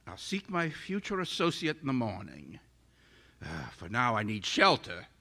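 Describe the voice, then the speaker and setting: An actor playing an arrogant, bitter invisible scientist in a radio-style drama, speaking in haughty, theatrical, formal language. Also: male voice, mid-range voice, huge pitch swings, moderate pace, gravelly, sharp tone, exaggerated voice. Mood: scheming. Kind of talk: radio-style stage audio drama acting.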